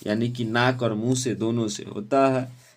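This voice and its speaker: A man teaching an exam-prep lesson, quizzing students and urging them to answer quickly. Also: mid-range voice, fairly even intonation.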